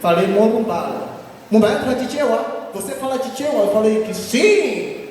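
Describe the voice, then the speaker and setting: A man from Mozambique with a Mozambican Portuguese accent, a missionary preacher telling his testimony with animated laughter and exclamations. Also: high-pitched, normal speed, slight background noise. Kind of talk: sermon testimony. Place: large echoey church hall. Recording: echoey hall, distant mic.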